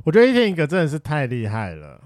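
A man who adds short, quick remarks to a podcast chat. His voice is a bit high and very lively in pitch. It is recorded dry and close. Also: no room sound.

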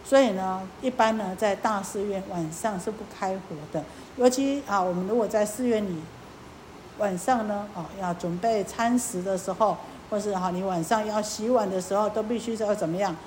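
A woman, a Buddhist nun, giving a lecture with many drawn-out fillers and rhetorical questions. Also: mid-range voice, darkish tone, a little hiss or hum, low-quality recording. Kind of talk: Buddhist sermon.

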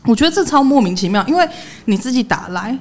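A woman's voice: a little high, quick pace. A woman, co-hosting a podcast in casual chat and telling stories animatedly. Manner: animated storytelling, laughing, acting out quoted lines. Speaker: podcast co-host.

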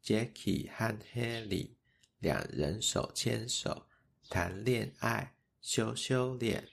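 A man voicing a group of young schoolchildren teasing two classmates in a slow, sing-song chant for a storybook tale. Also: lowish voice, lively intonation, gravelly, voice pushed up, full character voice. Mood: mocking.

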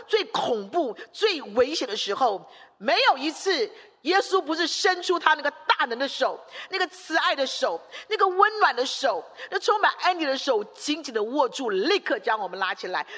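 Woman preacher, high voice, emphatic sermon, repeated rhetorical phrases, long church-hall reverb. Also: very animated, normal speed, fairly bright tone.

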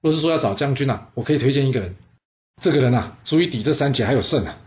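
A man voicing a shrewd ancient minister, coaxing and smoothly persuasive. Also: mid-range voice, lively intonation, racing, darkish tone, close to an everyday voice. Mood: reassuring. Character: shrewd, smooth-talking male chief minister. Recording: dull lo-fi sound.

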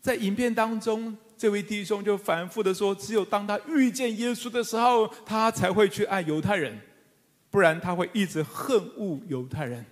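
A middle-aged man pastor preaching a sermon, animated and fervent, with humorous asides to the congregation. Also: high-pitched, normal speed. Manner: animated, rising to fervent emphatic calls. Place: church sanctuary with congregation. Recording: long church hall reverb.

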